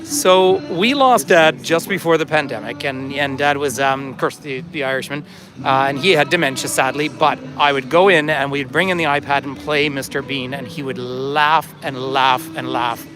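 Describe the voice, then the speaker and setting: A Canadian-born man hosting a live walking-tour stream outdoors, chatty and quick to laugh. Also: medium pitch, low-quality recording. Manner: chatty, laughs often, animated. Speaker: vlog host. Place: outdoors on a busy city street. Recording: music playing behind.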